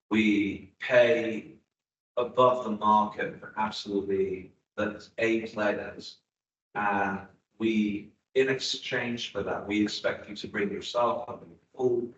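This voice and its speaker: A man's voice: on the low side, fairly even intonation, slow pace, fairly bright tone. Man, audience question, chatty and probing, muffled lo-fi sound, faint noise. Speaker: audience member. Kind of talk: asking a question at a talk. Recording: echoey hall, distant dull mic, faint noise.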